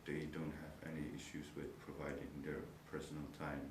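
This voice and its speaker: This young man's voice sits extremely low, flat and brisk in delivery. He's a Czech university student from the Czech Republic, answering interview questions about his studies in thoughtful English, searching for words and using nonnative phrasing. The room echoes, there's background noise, and the mic is far away.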